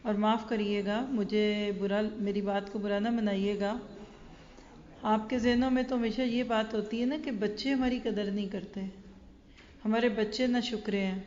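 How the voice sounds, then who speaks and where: A woman's voice: medium pitch, fairly even intonation, darkish tone. A woman Islamic teacher giving an earnest religious lecture, telling stories and speaking directly to her audience. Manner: earnest, storytelling, addresses listeners directly. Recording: echoey hall, dull sound.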